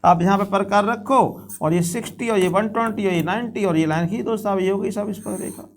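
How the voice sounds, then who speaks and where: A man's voice: high voice, quick pace. A man teaching a school geometry lesson step by step, repeating key phrases and addressing students as his children. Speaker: math teacher. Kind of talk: classroom lesson on geometry constructions.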